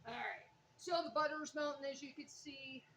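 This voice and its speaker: A woman's voice: high voice, fairly even intonation, normal speed, fairly bright tone, a little hiss or hum, low-quality recording. A woman chatting casually through a cooking vlog in her home kitchen, rambling and laughing often between remarks. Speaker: vlogger.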